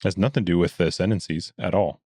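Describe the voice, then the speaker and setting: Deep-voiced man, relaxed podcast chat. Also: quick pace, breathy edge, no echo, clean studio sound. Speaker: podcast co-host. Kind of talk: casual gaming podcast chat.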